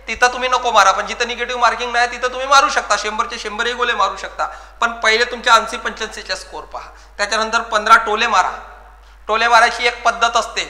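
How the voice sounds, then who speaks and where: A coaching class teacher talks earnestly to exam students. His voice sits very high and sounds sharp and tense. He repeats his points, and the sound rings with long reverb in an echoey room. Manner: earnest, repetitive, addresses students as friends. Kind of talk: motivational talk to exam students.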